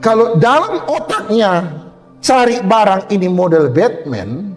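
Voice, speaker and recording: A man's voice: high voice, big pitch swings, measured pace, long reverb tail, faint music behind. A male pastor preaching a humorous sermon, joking and acting out little quoted exchanges. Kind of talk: humorous sermon to a women's gathering. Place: church hall.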